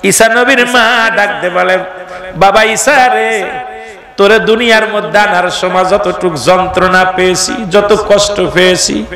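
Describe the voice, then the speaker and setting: High-pitched wailing preacher over loudspeakers. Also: male voice, fairly even intonation, measured pace. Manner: sing-song wailing delivery, rising to shouts. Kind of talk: chanted Bengali waz sermon. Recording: echoey PA sound with long reverb and crowd.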